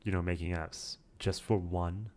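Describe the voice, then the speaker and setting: A man's voice: low voice, steady tone, measured pace, a little mellow. A man co-hosting a tech podcast, asking questions and steering the casual conversation. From Australia. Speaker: podcast co-host.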